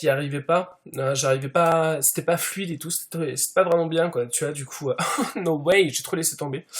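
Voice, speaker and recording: A man doing a comedic parody monologue as a smug show-off, padding every sentence with fillers. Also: on the high side. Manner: smug show-off persona, heavy fillers, constant "tu vois". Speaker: YouTuber.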